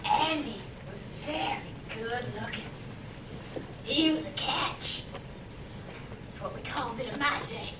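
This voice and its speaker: A woman's voice: a little high, natural voice. Elderly woman acted by a woman, flustered and blunt stage monologue, heard distantly in an echoey room. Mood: wistful. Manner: halting, blunt, easily flustered. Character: reluctant, embarrassed elderly woman recalling her youth. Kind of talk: theatrical monologue performed on stage. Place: performance room, recorded from the back. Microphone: camera at back of room. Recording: roomy hall, distant mic, noisy camera audio.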